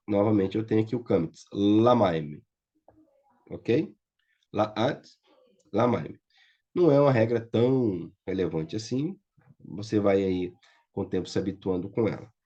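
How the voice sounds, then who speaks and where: A man with a Brazilian Portuguese accent teaches Biblical Hebrew online, his warm, fairly low voice moving at a moderate pace with frequent pauses. Patiently, he keeps asking "tá?" and "certo?" to be sure his students follow. The recording is muffled and lo-fi.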